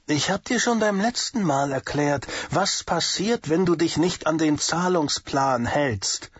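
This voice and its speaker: A man's voice: a little high, expressive, a little slow, husky, dry recording, voice pushed up. A man voicing a cruel young male gang leader who hisses threats, in a dull lo-fi audiobook recording. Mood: menacing. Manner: hissing, taunting.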